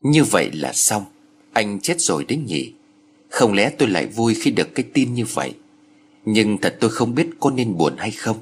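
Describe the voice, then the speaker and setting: A man narrating stories aloud in a measured, expressive way. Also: lowish voice, breathy edge. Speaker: story narrator. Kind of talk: scripted audiobook narration.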